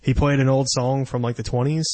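A man's voice: medium pitch, level tone, fairly quick, dark tone, dry recording. A man in casual podcast chat, rambling and laughing often as he tells stories.

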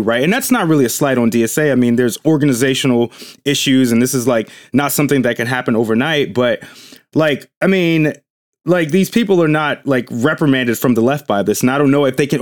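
A man hosts a loose panel discussion and talks fast. He hedges and circles his points, tossing in "right?" as he goes. His voice is close-miked and dry, with no room sound at all. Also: medium pitch, no room sound. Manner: rambling and hedging, filling pauses with "like" and "right?". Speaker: podcast host.

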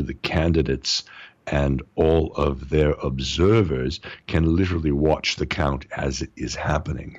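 A man's voice: very deep voice, dry recording, highs cut off. A sick man who sounds as if he is inside a tin can, explaining at length as an interview guest with many restarts. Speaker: political guest.

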